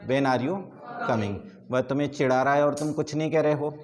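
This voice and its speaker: A male English teacher, slowly drilling example sentences in a classroom lesson, switching between Hindi and English. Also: medium pitch, fairly even intonation. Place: classroom with a board, students present.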